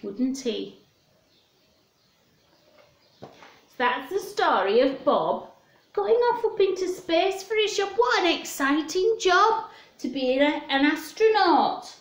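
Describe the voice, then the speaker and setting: Her voice is very high and sing-song, slow, with frequent pauses. She's a woman in her fifties reading to young children, keeping her words simple and asking questions as she goes. It's captured in a small room at home, with a roomy, echoey sound.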